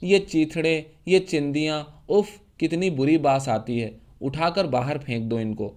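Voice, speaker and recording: A man reading the lines of a scornful, fiery young woman who mocks and cuts, rising to shouts. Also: fairly high pitch, close to an everyday voice. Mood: furious. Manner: mocking, cutting, rising to shouts.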